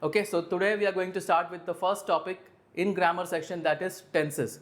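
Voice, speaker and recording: Male grammar teacher, Malayali accent, high-pitched, drills terms through self-answered questions. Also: fairly even intonation, extremely slow. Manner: repeats key terms, asks and answers own questions. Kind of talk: classroom explanation mixing two languages.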